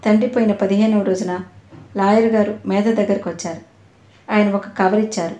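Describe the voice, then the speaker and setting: A woman narrating an audio novel in a calm, measured storytelling voice. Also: mid-range voice. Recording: roomy echo.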